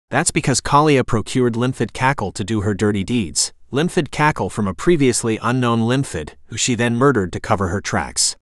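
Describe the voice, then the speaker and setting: A cocky young guy, as the narrator plays him, all slang and swagger, grandstanding like he owns the room. his pitch bounces around a lot and the sound is dry and close. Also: fairly bright tone, no echo, lightly acted. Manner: casual slang, showy, whiny at times. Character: brash young man, cocky slangy prosecutor.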